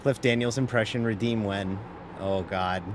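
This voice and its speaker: Speaking at a normal pace in a lowish voice, a man chats casually on his sim-racing stream, with a little hiss or hum in the recording. He rambles and pokes fun at himself, dropping fillers and casual curses as he races.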